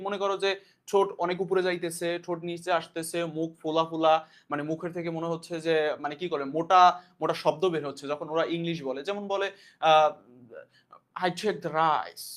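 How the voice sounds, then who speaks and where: A man with a high voice gives a casual classroom lecture. He explains step by step and repeats key points. He keeps asking his students questions back. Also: fairly bright tone. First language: Bengali. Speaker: teacher.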